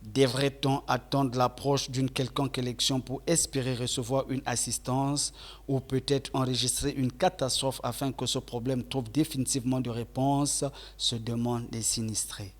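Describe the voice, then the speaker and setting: A male reporter reading a scripted television news voice-over in a formal, measured way. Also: mid-range voice, level tone.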